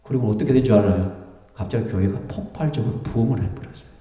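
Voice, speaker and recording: A man preaching as a pastor, lively and animated, acting out tearful prayers and grumbling complaints to make his point. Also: on the low side, fast. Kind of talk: sermon. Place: church sanctuary. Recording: echoey church hall, voice from far off the mic.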